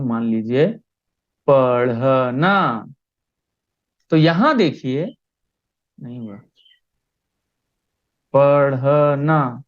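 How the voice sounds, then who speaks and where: A man's voice: medium pitch, highs cut off. A man teaching a primary school class online, speaking patiently and often checking that the children understand. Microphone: video call.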